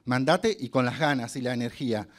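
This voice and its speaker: A man's voice: mid-range voice, fairly quick. A middle-aged man with an Argentine accent giving a motivational storytelling talk. He is humorous and anecdotal, and he acts out the dialogue he quotes. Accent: Argentine Spanish. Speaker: guest speaker.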